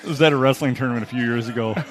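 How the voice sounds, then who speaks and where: A man co-hosts a podcast and tells stories with wry, dry humor. His pitch is about average for a man. He talks in an easy, conversational way. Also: steady tone, rapid-fire. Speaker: podcast co-host. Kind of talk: casual comedic chat.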